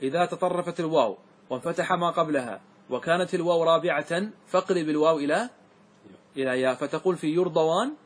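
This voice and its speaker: Guy teaching grammar class, kinda high husky voice, keeps quizzing students. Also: quick pace. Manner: asks students questions and repeats answers.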